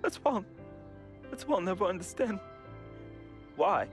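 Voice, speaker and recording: An actor with a high-sitting, animated voice speaks at normal speed as a troubled young man in a game, reading a confessional farewell letter. It's a somber, heartfelt studio voice-over monologue with casual slang, and faint music plays behind.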